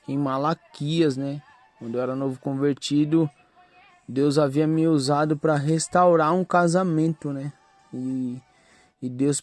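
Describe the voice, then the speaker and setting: A man's voice: a little high, darkish tone. A man preaching an earnest testimony sermon, often addressing the congregation and adding little tag questions. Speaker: pastor.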